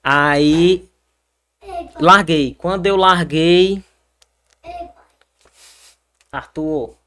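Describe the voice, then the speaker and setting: Young Brazilian soldier guest, lively storyteller who restarts often. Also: male voice, a little high, very slow. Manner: animated storytelling, many fillers and restarts. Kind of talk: casual interview.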